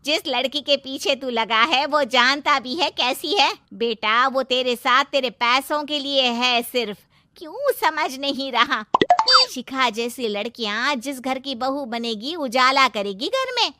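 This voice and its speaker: A woman's voice: sits high, lively intonation, unhurried, exaggerated voice. A woman voicing a caring mother in a cartoon who scolds yet comforts her son affectionately. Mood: motherly. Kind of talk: cartoon voice acting. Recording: loud background noise.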